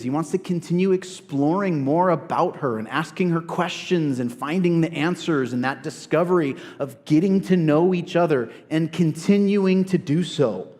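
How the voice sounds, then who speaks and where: A man's voice: fairly high pitch, darkish tone. Man preaching in a reverberant hall. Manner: reads scripture aloud, then explains it in casual conversational asides. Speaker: pastor. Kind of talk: sermon teaching.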